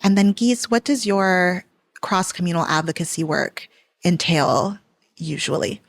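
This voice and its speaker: A woman's voice: lowish voice, expressive, a little slow, vocal fry, no echo. A woman hosting a podcast interview, appreciative and affirming as she guides the talk. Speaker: podcast host. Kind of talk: interview host.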